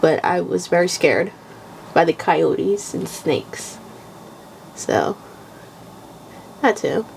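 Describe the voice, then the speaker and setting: A woman's voice: on the low side, animated, very slow, gravelly, pauses often, darkish tone, a little hiss or hum, poor audio. A young woman co-hosting a podcast, chatting casually and bluntly and swearing freely as she retells her week. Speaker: podcast co-host. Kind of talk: casual chat.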